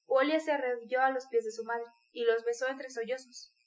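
A woman narrating a classic novel aloud in a measured, even storytelling voice. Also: on the high side. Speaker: audiobook narrator. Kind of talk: scripted literary narration.

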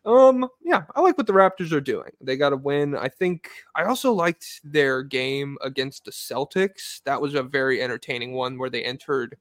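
A man's voice: medium pitch, lively intonation, normal speed, hardly any pauses, no room sound, clean studio sound. A man co-hosting a podcast, chatting loosely about basketball with lots of fillers and the odd swear word. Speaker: podcast co-host. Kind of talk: casual basketball chat.

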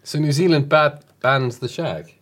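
A man's voice: on the high side, a little slow, fairly bright tone. A man co-hosting a comedy podcast who throws in dry, sarcastic one-liners during casual banter. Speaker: podcast co-host.

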